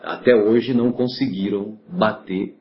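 A man with a fairly low voice chats on a podcast, plainly and factually, adding details and correcting his co-host. The audio is a little dull. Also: measured pace. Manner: matter-of-fact, corrects details. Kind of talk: casual conversation.

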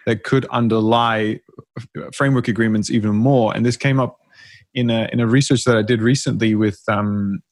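A man in his thirties co-hosting a podcast, explaining a case in a lively, self-mocking way with frequent restarts. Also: fairly low pitch, normal speed, dry recording. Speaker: podcast co-host. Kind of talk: casual expert discussion.

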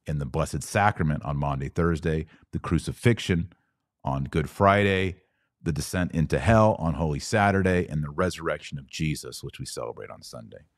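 A very deep, animated voice at normal speed belongs to an American podcast host. His live chat with listeners slides into preaching, delivered emphatically and didactically, with phrases repeated for effect. The recording is dry and studio quality.

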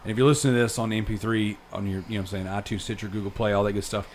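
A man in his thirties hosting a podcast, telling a long story in casual chat, rambling and animated with plenty of fillers. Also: lowish voice, rapid-fire, slight background noise. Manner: rambling and animated, lots of fillers like dude and freaking. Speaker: podcast host.

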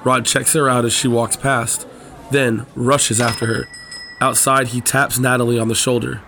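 Guy cohosting a comedy podcast, animated and jokey, reads the scene narration, middle pitch. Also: a little hiss or hum. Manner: animated, quick to laugh. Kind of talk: casual chat and screenplay narration.

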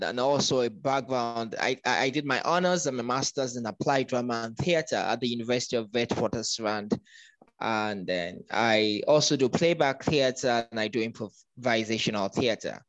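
A man's voice: mid-range voice, fairly bright tone, dry recording, low-quality recording. A man from Nigeria, a guest in a conversational interview, talking with many ums and restarts.

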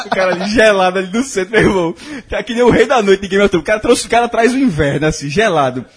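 A man's voice: sits high, quick pace, breathy edge. A man joking around in casual podcast banter, full of exclamations. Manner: jokey and animated, with exclamations.

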